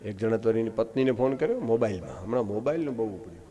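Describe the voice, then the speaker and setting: Animated man telling folk tales. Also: lowish voice, fast talker, dull audio. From Gujarat. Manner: animated storytelling, acts out voices of wife and husband, rises loud in punchlines. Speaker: katha storyteller. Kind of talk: devotional discourse with folk anecdotes. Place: live outdoor religious gathering.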